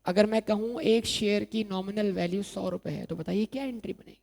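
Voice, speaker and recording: A man's voice: high voice, fairly even intonation, a little fast, creaky, a little mellow. A man lecturing on accounting, asking the class questions and answering them himself while repeating key terms. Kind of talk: recorded exam-prep lecture.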